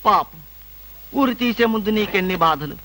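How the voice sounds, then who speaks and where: A man's voice: sits high, expressive, normal speed, pushed and bright, rough recording. An actor playing a scheming comic lawyer who teases his client in film dialogue. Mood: mocking. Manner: mocking, teasing.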